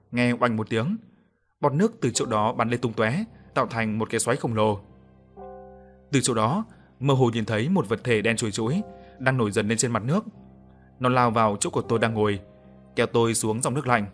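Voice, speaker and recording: A man reading a first-person horror story aloud in a steady, measured way. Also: medium pitch. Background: soft background music.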